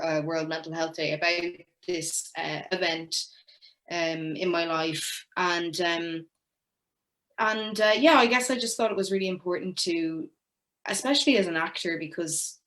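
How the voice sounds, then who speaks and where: Speaking low but with a fairly bright tone, a young Irish woman who acts is a guest in a relaxed interview. Her talk is halting, packed with fillers and frequent restarts.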